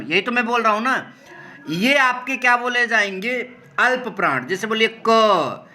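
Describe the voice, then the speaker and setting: A man teaching Hindi grammar, explaining step by step, often checking in with the class and slowing down to sound out individual letters. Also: very high-pitched, pushed and bright. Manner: repetitive, checks in with "ठीक है" often. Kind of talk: explaining a lesson over slides.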